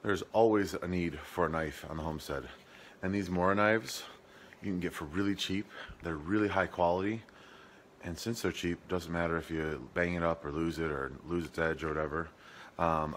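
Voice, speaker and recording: Midwestern man in his thirties, very low voice, jokey at-home vlog delivery, faint room noise behind him. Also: fairly bright tone. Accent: Midwestern American. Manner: chatty and jokey, with plain product talk. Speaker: homestead vlogger. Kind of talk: casual gift-list vlog. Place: home rooms and a garage, indoors. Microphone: handheld camera at arm's length.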